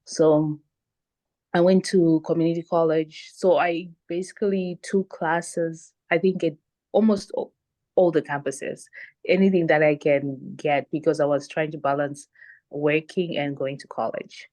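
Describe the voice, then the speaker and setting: Low-voiced woman from Zimbabwe. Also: steady tone, measured pace, warm tone. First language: not English. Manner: hesitant, with frequent restarts and fillers. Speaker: panelist. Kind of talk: casual conversational interview answers.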